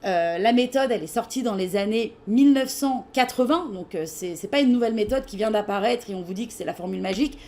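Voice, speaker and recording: Her voice mid-range, she talks fast with hardly any pauses while hosting a live trading-software webinar. The French-accented presenter is casual and hesitant, reading and answering questions with frequent fillers.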